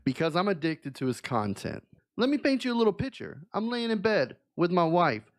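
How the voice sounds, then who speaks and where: Man, fairly high voice, mock-dramatic, self-deprecating, comic storytelling to camera. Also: very animated, brisk. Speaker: YouTuber and streamer.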